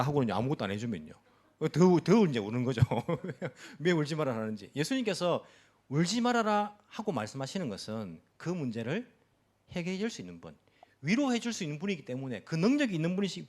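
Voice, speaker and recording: A man's voice: on the high side, sing-song, fast, darkish tone. A man preaching a sermon at a church service as pastor, asking the congregation rhetorical questions and explaining with everyday examples.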